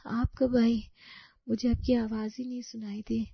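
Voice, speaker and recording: Woman doing a meek, soft-spoken young bride. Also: on the high side, level tone, unhurried, vocal fry, husky, no echo, dull audio, voice pushed up, heavily acted. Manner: soft, humble. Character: meek gentle young daughter-in-law, sad.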